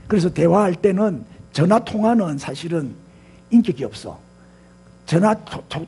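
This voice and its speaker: A man's voice: high voice, warm tone, breathy edge. An older man with a Gyeongsang accent preaching a sermon, talking with the congregation and prompting them with rhetorical questions. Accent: Gyeongsang Korean. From Gyeongsang region, South Korea. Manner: leads the congregation in repeating phrases. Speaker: pastor.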